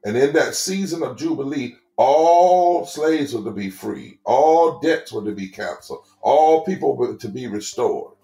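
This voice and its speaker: A man's voice: mid-range voice, expressive, a little slow, few pauses, warm tone, reverberant, faint music behind. A man speaking as a preacher and theologian, emphatic and preacherly, repeating phrases for effect. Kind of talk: sermon-like talk.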